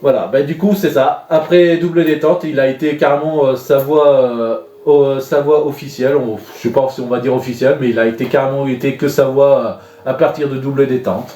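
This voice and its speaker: A man talks through films from his collection in a loose, rambling way, often stopping and starting over. His voice is dark and mellow. The room gives it a noticeable echo. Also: medium pitch, fairly even intonation, a little fast, hardly any pauses. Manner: rambling, many fillers and restarts. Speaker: DVD collection vlogger. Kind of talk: casual spoken film reviews.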